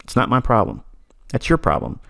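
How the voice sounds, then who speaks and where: A man's voice: mid-range voice, wildly swooping pitch, fairly quick, creaky, a bit bright. A man in his forties giving a recorded trading mentorship lesson, blunt and insistent, repeating points and laughing briefly. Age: 40s. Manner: blunt, insistent, lecturing with repetition and short laughs.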